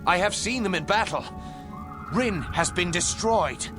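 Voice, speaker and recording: A man's voice: sits high, animated, unhurried. A man playing a proud, defiant human prince, speaking in an earnest, noble, declamatory way in a video game cutscene. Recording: loud music behind. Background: loud music.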